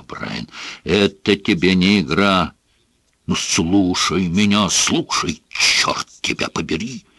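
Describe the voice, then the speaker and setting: A man voicing a furious, bullying middle-aged father in an audiobook, shouting and scornful. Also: on the low side, slightly rough, no echo, studio quality, exaggerated voice. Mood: threatening hiss. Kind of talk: audiobook character voice.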